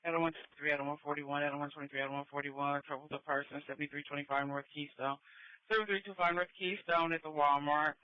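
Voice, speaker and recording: A male police dispatcher comes through on a police radio channel, his voice a touch higher than most men's. The sound is dull and lo-fi, as from a scanner, with no room around it. He reads out units and addresses in a clipped way and says each one twice. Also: steady tone, fast, smooth, dry recording. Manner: clipped, repeats addresses and unit numbers. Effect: police radio transmission.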